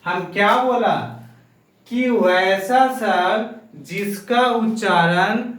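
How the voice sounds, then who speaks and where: A man's voice: sits high, extremely slow, fairly bright tone. A male English teacher. He explains grammar in a lecture, calls his students "sir" and chants the vowels. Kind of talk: classroom lecture. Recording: very echoey room, far from mic.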